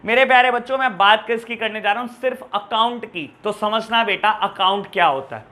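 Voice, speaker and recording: A man teaching an online accounts class, talking to his students in a fatherly way and repeating key terms as his voice swings between loud and soft. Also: high voice, normal speed. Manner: fatherly, calls students beta and pyare bachhon.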